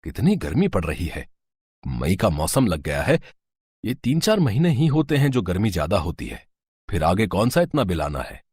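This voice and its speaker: Easygoing older husband, acted, deep, animated, dry. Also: moderate pace, breathy edge, no echo, exaggerated voice. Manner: relaxed, gently chiding. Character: older father-in-law, easygoing and generous.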